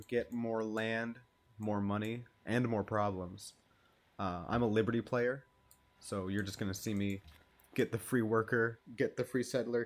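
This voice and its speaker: Chill dude talking through his strategy game, swears a lot, jokes about himself, lowish voice. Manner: laid-back, swears freely, self-deprecating. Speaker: gaming channel host. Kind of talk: casual gameplay commentary.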